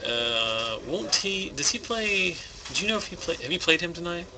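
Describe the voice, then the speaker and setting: A man giving relaxed, rambling commentary on a card game match, thinking aloud. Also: on the high side, moderate pace. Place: game store. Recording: background noise in a game store.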